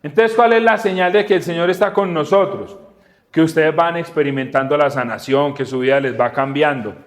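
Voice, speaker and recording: A man teaching the Bible in a relaxed, conversational way, asking his listeners questions and acting out little scenes. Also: a little high, fairly quick. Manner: animated, asks the audience questions, acts out dialogue. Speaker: preacher and podcast host.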